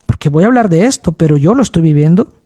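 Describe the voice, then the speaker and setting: A man preaching a sermon, speaking slowly and moving between low, middle and high tones, often addressing his listeners as brothers. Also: expressive, warm tone, breathy edge.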